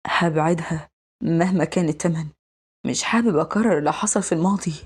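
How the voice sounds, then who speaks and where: A woman putting on a cold, protective mafia boss who speaks in a lowered, clipped Egyptian voice. His tone stays curt and firm, a little husky and quick. He sounds like a drama recap's stern gangster. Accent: Egyptian Arabic.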